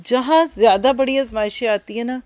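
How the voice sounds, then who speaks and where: In a religious lecture, a woman tells stories and turns to her listeners directly with questions. Her voice is a little high and slightly mellow, and the recording is dry.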